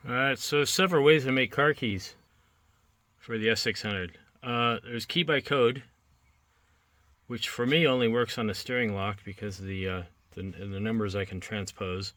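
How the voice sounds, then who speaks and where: A man with a fairly low voice walks through a hands-on locksmith demo. He talks in a relaxed, halting way, pausing and restarting as he works with his hands. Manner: relaxed, halting, thinks aloud while working. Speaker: locksmith demonstrating key making. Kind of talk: casual hands-on demonstration.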